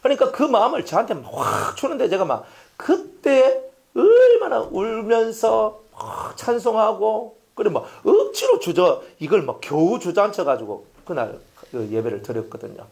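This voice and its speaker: A man pastor preaching a sermon, emphatic and repetitive, asking the congregation rhetorical questions and dropping from loud appeals to near-whispers. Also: fairly high pitch, wildly swooping pitch, moderate pace, gravelly, hardly any pauses.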